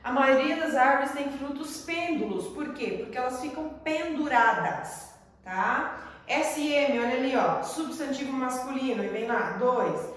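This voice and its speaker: A woman's voice: high-pitched, expressive, measured pace. A Brazilian woman teaching a school lesson, explaining patiently and often checking in with her class. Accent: Brazilian Portuguese. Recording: echoey room, voice from far off.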